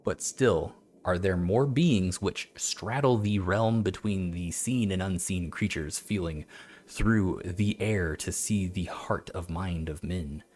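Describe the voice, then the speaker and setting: A man streaming a game, chatting and reading old-style text aloud in a halting, stumbling way, laughing at himself. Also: sits low, a little mellow. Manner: self-mocking, laughs often. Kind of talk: let's-play commentary with reading aloud.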